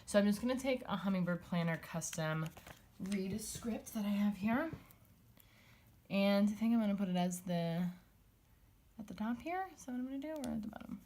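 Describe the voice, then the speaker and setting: A woman's voice: mid-range voice, animated, moderate pace, a little mellow. A young woman talking casually as she decorates a planner, thinking aloud and rambling with many likes and ums. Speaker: planner vlogger.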